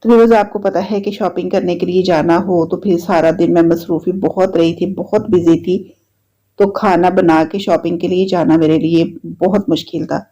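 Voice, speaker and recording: Narrating her home vlog as a casual voice-over, a woman with a Pakistani Urdu accent rambles easily and circles back to the same points. Her voice is low-leaning, mellow and warm, with slight roughness from a sore throat, at a moderate pace. The recording is dull and lo-fi.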